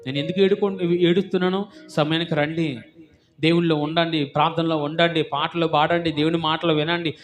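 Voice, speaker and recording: A man's voice: a little high, little pitch movement, fairly quick, soft background music. A man preaching a sermon as pastor, fervent and emphatic, firing rhetorical questions at the congregation and repeating words for emphasis.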